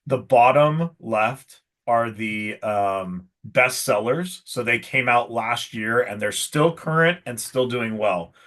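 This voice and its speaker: A man's voice: mid-range voice, takes it slowly, hardly any pauses, a bit bright. A man hosting a casual live stream for a shop, talking in a chatty, salesy way with lots of fillers. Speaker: pro shop host.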